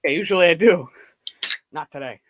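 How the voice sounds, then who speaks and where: A young man chatting casually on a live stream from home while standing and moving around, so his voice drifts nearer and farther from the microphone. He rambles and reacts out loud. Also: a little high, a little fast, slight background noise. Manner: rambling, reacts loudly to plays.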